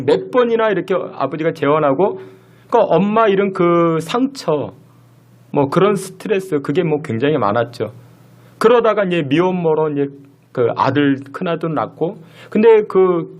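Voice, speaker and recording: A middle-aged man preaching a sermon as pastor in a church, telling a story and asking the congregation questions. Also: on the high side. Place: church sanctuary.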